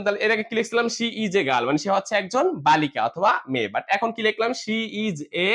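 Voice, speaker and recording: A man teaching a classroom grammar lesson in a high, light voice. He spells each word out letter by letter, then asks the class a question and answers it himself. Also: fairly bright tone.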